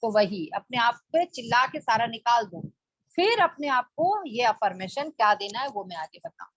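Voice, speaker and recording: A woman's voice: a little high, lively intonation, moderate pace, a bit bright, slightly rough, no echo. A woman leading a spoken book study, explaining plainly with rhetorical questions. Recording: dull lo-fi dry recording.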